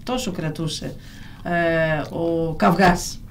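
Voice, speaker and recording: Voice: medium pitch, fairly even intonation. A radio interviewer who adds brief prompts and sums up the guest's stories. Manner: brief prompting remarks and summaries. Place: radio studio.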